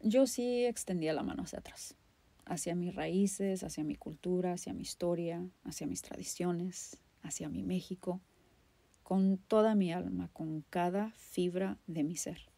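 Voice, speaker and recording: Speaking a little slowly, a Guadalajara-born podcast host with a Mexican accent uses a fairly low, creaky, mellow voice with no echo around it. Her monologue is personal and poetic, delivered emphatically and with fervour, and she repeats phrases for dramatic effect.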